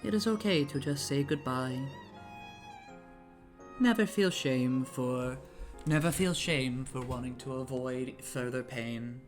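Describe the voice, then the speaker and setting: A man talking in a slow flat robotic voice. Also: medium pitch, soft background music.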